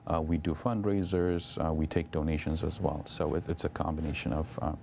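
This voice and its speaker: A man's voice: very deep voice, level tone, fairly quick, gravelly, darkish tone, a little hiss or hum. A young man from Eritrea, raised in Ethiopia, answering as a guest in a TV interview and talking hesitantly with many fillers.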